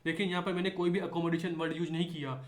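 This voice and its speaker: A man's voice: fairly high pitch, level tone, fast. A man giving a medical lecture, repeating key points and asking himself rhetorical questions, mixing English terms into his speech. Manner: mixes English terms into Hindi. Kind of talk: explanatory lecture. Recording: echoey room.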